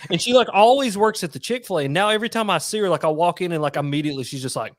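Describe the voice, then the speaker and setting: Guy telling funny stories on a podcast, does all the voices, kinda high voice, dry close mic. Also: racing, no room sound. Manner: animated storyteller, acts out quotes. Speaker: guest, former elementary school teacher. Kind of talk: casual storytelling chat.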